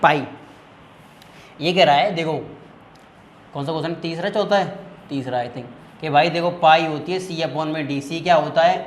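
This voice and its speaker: A man teaches a maths lesson in a room that rings with echo and carries a faint hum. His voice sits a little high, and he talks students through each step, stopping often to check that they follow. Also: normal speed, pauses often. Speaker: maths tutor.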